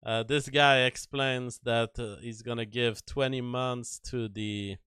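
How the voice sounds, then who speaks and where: A man hosting a solo livestream, giving opinionated commentary in a deliberate manner with rhetorical questions and repetition. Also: mid-range voice, steady tone, sharp tone, clean tone, no echo, clean studio sound. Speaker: livestream host.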